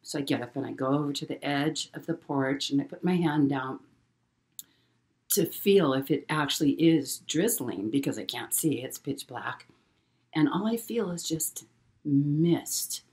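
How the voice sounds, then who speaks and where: A middle-aged woman telling a personal story in a halting way, repeating words and using many fillers. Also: deep voice, animated, darkish tone. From Hawaii. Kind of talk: casual spoken storytelling.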